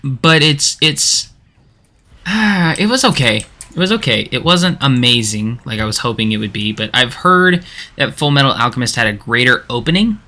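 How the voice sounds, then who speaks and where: A man's voice: mid-range voice, expressive, normal speed, bright, forceful tone. A man streaming a game, chatting casually and rambling with lots of restarts and fillers. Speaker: gaming streamer. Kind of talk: casual chat while playing.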